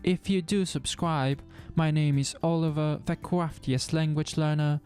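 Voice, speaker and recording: A man giving a pronunciation lesson, demonstrating sounds slowly and deliberately. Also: fairly high pitch, little pitch movement, a little mellow, clean tone, faint music behind. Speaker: language teacher.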